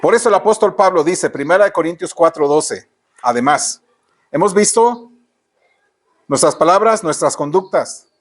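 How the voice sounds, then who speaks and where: High-voiced Mexican preacher. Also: male voice, animated, normal speed. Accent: Mexican Spanish. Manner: preaching with rhetorical questions to the congregation. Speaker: pastor. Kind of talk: sermon. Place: church.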